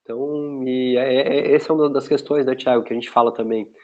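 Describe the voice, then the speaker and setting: This man is a São Paulo native with the city's Portuguese accent, appearing as a guest logistics specialist in a relaxed online interview where he wanders and restarts frequently. He has a mid-range, steady, slightly mellow voice and talks a bit fast. The audio is muffled and lo-fi.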